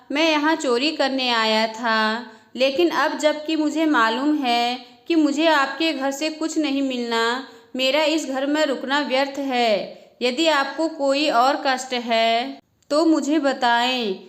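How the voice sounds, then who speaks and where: A woman's voice: sits high, slow pace, a bit bright. A woman voicing a polite, kind-hearted young male thief in a storybook reading. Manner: polite, reasoning.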